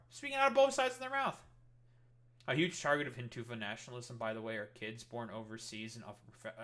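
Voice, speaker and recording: A man's voice: sits high, pushed and bright. A man streaming and reacting to clips, talking in a heated, sarcastic, swear-filled rant. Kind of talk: profane rant commentary.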